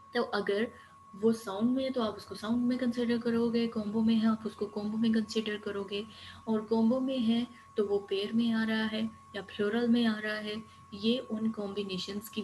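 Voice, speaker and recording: A woman with a Pakistani accent teaching grammar in a recorded online lecture. She explains step by step and repeats word endings slowly. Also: a little high, darkish tone, low-quality recording. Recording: faint noise and hum.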